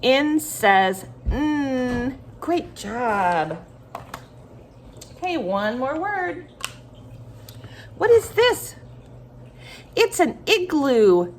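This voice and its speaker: A woman's voice: high-pitched, big pitch swings, extremely slow, long pauses, a little hiss or hum. A woman teaching letter sounds to young children, asking questions and praising answers in an encouraging, sing-song way. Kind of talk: early-reader phonics lesson.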